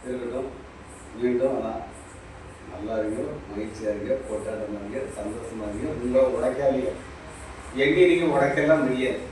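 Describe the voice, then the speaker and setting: A man's voice: mid-range voice, moderate pace, pauses often. Man, spiritual teacher, repetitive preachy delivery; distant, echo-heavy recording with faint noise. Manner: preachy, repetitive, addresses listener directly. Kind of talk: impromptu spiritual talk. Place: small shop.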